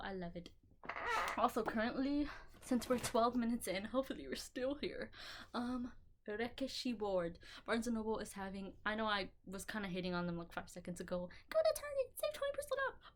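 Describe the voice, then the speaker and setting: A young woman vlogging from her bedroom about her manga collection, rambling and excitable, swearing casually. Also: mid-range voice, slight background noise. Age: young adult. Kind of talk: casual chat to camera.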